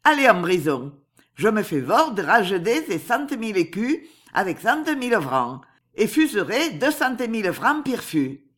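A woman's voice: mid-range voice, big pitch swings, a little slow, fairly bright tone, husky, voice pushed up, heavily acted. A woman voicing a pompous older male banker who speaks French with a heavy German accent and mangled consonants. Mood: blustering.

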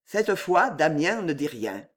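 A man narrating a novel aloud in a measured, expressive reading. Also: on the high side. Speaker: audiobook narrator.

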